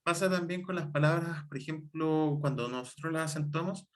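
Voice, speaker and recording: A male teacher gives an online lecture and keeps adding examples. His voice sits a little high for a man. He often stops to correct himself mid-sentence. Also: moderate pace. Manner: explains with many examples and self-corrections.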